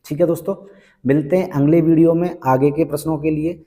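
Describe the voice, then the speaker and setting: A man's voice: on the high side, fairly even intonation, fairly quick, mellow, in a large hall. A male Hindi exam teacher working through practice questions one by one, repeating each question and answer for emphasis. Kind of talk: exam prep lesson, question by question.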